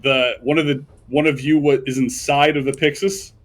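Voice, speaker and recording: A man's voice: flat delivery, moderate pace, close to an everyday voice. A man voicing a haughty, commanding male god of death in a tabletop game. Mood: stern. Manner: haughty, commanding, booming when angered.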